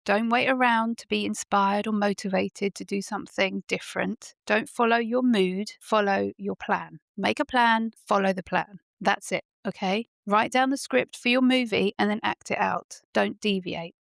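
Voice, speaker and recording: A woman's voice: medium pitch, steady tone, moderate pace, creaky, hardly any pauses, no echo, clean studio sound. A woman hosting a podcast and giving an emphatic motivational monologue full of rhetorical questions. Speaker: podcast host.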